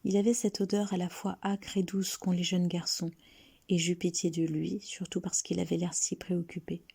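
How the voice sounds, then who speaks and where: Woman narrator reading a short story aloud, hushed and half-whispered, dark and husky. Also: lowish voice, level tone, moderate pace.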